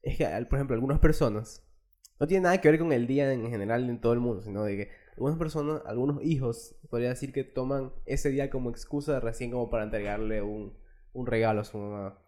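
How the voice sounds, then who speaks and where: A man's voice: medium pitch, quick pace, dark tone. Laid-back young man. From Guayaquil, Ecuador. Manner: laid-back, slangy, says "loco" often. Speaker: podcast co-host. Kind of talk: casual chat.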